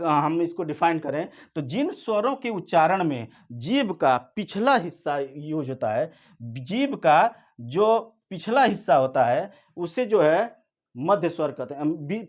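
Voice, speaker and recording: A man teaching an exam-prep lesson, explaining slowly and repeating points, drawing out vowel sounds to demonstrate them. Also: on the high side. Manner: slow, repetitive explaining, drawn-out vowel demonstrations.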